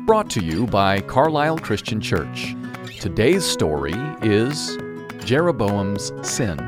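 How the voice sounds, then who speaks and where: A man's voice: lowish voice, very animated, takes it slowly. A man announcing a daily Bible story program in a scripted intro and outro. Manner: announcer delivery. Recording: guitar music underneath.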